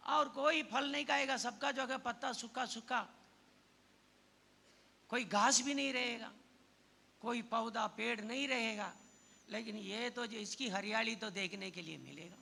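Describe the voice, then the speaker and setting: Guy preaching in a church, super slow and gravelly, big echoey hall. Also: very high-pitched. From southern India. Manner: preaching with repeated hallelujahs, rising to shouts. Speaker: pastor. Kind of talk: sermon. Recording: long church hall reverb with faint noise.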